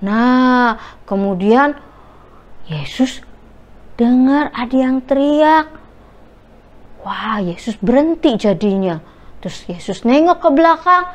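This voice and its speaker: Gentle, slow-paced Sunday school teacher. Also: female voice, a little high, expressive. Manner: simple, patient narration for children. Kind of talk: children's Bible storytelling.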